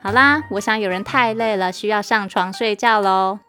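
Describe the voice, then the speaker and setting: A woman voicing a calm, patient mother soothing her child in a storybook reading. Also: medium pitch, moderate pace, soft background music, natural voice.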